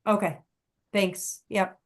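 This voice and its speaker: A woman with a medium-pitched voice speaks as a board member. Her meeting talk is casual and conversational. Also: fairly even intonation, takes it slowly.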